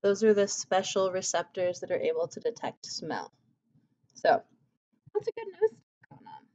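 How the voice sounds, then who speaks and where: A woman's voice: mid-range voice, a little mellow. A woman giving a recorded anatomy lecture, explaining casually with lots of "um" and "like". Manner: casual, chatty explaining with fillers like "um" and "like". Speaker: anatomy teacher. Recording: slightly dull lo-fi audio.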